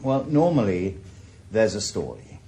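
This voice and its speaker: In a 1980s radio drama, an actor voices a world-weary, middle-aged ex-policeman turned private investigator, narrating in the first person with a dry, sardonic Welsh voice. His delivery is low-ish, exaggerated, and warm, with huge pitch swings at a measured pace.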